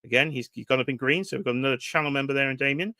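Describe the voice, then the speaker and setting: A British livestream host casually chats, teases, and reads viewers' names aloud from the chat during a toy-collecting stream. His medium-pitched voice races with fairly even intonation and a bright, forceful tone, in studio quality with no echo.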